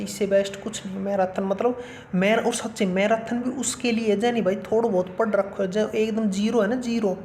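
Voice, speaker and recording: A man's voice: high-pitched, creaky, darkish tone, slight background noise. A man giving blunt, colloquial exam-strategy advice as a coaching YouTuber. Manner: blunt, colloquial, keeps saying "bhai sahab".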